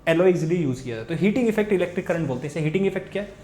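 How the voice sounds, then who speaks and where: Young male tutor, rapid and insistent, bright pitch, recorded in an echoey room. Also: expressive. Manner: repetitive, urging students to pay attention. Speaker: physics teacher. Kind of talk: fast Hindi tutoring lesson with board writing. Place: room, recording a class video.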